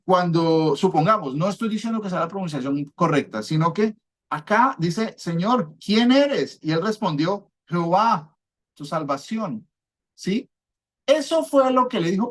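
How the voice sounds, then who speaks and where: A man's voice: sits high, lively intonation, moderate pace. Male preacher, fervent sermon delivery, keeps asking the congregation if they follow. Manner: fervent, rhetorical check-ins with listeners.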